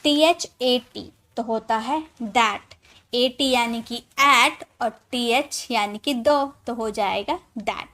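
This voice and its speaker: A woman's voice: on the high side, takes it slowly, a bit bright. A woman teaching English phonics in a spoken lesson, patiently spelling out letters and repeating each word. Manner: often checks in with the viewer.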